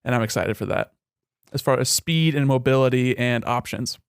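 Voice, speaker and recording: A man co-hosting a casual gaming podcast, eager and quick as he runs through his picks. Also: mid-range voice, creaky, clean tone, dry recording, studio quality. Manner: eager, quick, running commentary. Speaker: podcast co-host.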